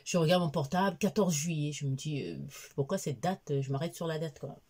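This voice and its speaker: A woman in her forties rambling through a casual, confiding diary vlog, full of fillers and asides. Her voice is husky and sits on the low side. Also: expressive, fairly quick, a little mellow. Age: 40s. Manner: chatty, rambling, with many fillers. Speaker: vlogger.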